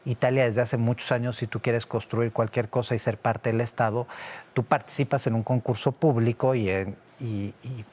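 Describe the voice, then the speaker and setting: An Italian security analyst, middle-aged, appears as a guest in a conversational interview and explains things patiently and at length. His ordinary-pitched voice is steady and a little mellow, though he often pauses on fillers and restarts sentences.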